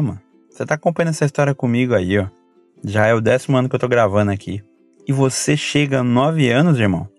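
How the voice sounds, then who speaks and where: A man in his thirties with a Brazilian accent, a father talking casually to his son in a recorded birthday message, full of slang and animated retellings. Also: medium pitch. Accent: Brazilian Portuguese. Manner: slangy, rambling, animated when retelling stories. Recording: faint music behind.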